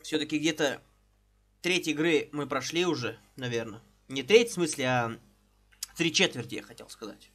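Speaking at a normal speed in a fairly high, slightly bright voice, a man in his thirties hosts a casual live stream from a small room. He wears a headset, greets viewers one by one, and game music sits under his voice.

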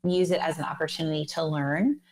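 A woman's voice: deep voice, steady tone, fairly quick, darkish tone. A woman in her forties speaking as a guest author over a video call with earbuds, enthusiastic and explaining with many fillers. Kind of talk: casual interview chat. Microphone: earbud headset on video call.

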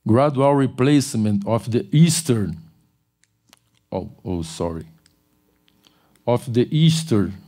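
At a podium mic in a large auditorium, an older man gives a keynote lecture at a conference in an expressive, dark, mid-range voice. His delivery is halting, with frequent restarts and corrections of himself.

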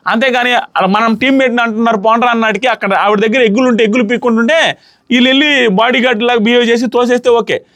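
A man talks quickly in a bright, high-pitched voice. He comments on a reality show in an animated, argumentative way and acts out what people said. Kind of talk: casual opinion commentary.

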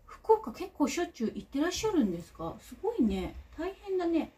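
A woman's voice: very high-pitched, sing-song, quick pace, dark tone. A woman with a Kagoshima accent, a local politician hosting a casual livestream, who reads out viewer comments in a chatty, self-teasing way. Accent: Kagoshima Japanese. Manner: chatty, self-teasing, laughs between remarks.

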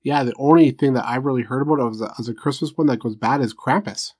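A man with a husky, slightly raspy voice co-hosts a casual true crime podcast. He makes laid-back jokes and side remarks. His delivery is relaxed banter, not formal narration. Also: medium pitch, quick pace, dry recording, clean studio sound. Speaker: podcast co-host.

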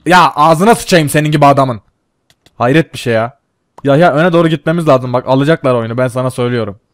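A young man commentating a team game with a friend, excitable, laughing and swearing often. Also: mid-range voice, fast, dry recording, studio quality. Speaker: gaming channel host. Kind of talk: casual gameplay commentary.

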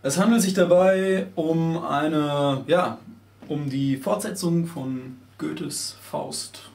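A man in his room giving a theatrical rhymed performance, swinging from hushed murmurs to shouting. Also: fairly high pitch, takes it slowly, creaky. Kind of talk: dramatic rhymed performance piece. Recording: echoey room, mic at a distance, faint hiss.

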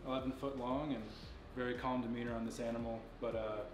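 This young man speaks at a quick clip and medium pitch as he casually walks viewers through his reptile room of glass enclosures, explaining snakes in a relaxed, informed way full of fillers. He's heard off-mic and distant, with echo and background music.

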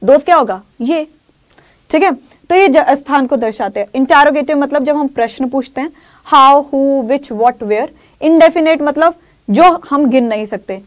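High-voiced woman teaching grammar. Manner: explains in Hindi, says English example sentences slowly; repeats key phrases and often says "ठीक है". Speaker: English teacher. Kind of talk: grammar lesson in Hindi with English examples.

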